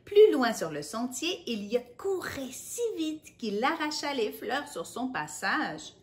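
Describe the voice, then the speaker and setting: A woman reading a picture book to children, playful and animated, adding sound effects and asides. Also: high voice, slow. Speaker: children's storyteller.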